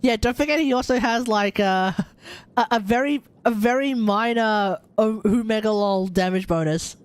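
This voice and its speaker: Chatting on a livestream about game builds, a streamer wanders from topic to topic in a sweary, disbelieving way. The voice is smooth and medium-pitched, at a moderate pace.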